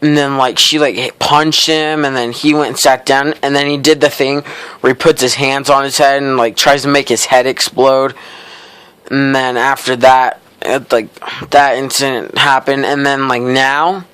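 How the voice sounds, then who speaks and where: A man's voice: medium pitch, little pitch movement, normal speed, fairly bright tone, clean tone, no echo. A teenage boy vlogging, telling a school story in a casual, rambling way full of "like". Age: teens. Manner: rambling, heavy use of "like"; laid-back, wry.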